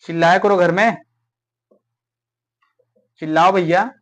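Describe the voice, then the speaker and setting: A male teacher gives a class lesson in a chatty, coaxing way, urging students to call back answers. His speaking voice sits a bit high for a man. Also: fairly even intonation, a little slow. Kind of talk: classroom lecture.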